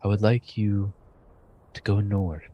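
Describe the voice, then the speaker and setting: A man's voice: fairly low pitch, flat delivery, dull audio. A man doing a grave blind shaman. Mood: solemn. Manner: slow, grave, measured delivery.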